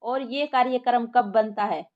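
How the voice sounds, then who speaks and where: A woman's voice: on the high side, moderate pace, close to an everyday voice. Woman playing a stern bossy policewoman. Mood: interrogating. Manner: bossy, scolding, interrogating. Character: stern tough young policewoman. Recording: lo-fi muffled recording.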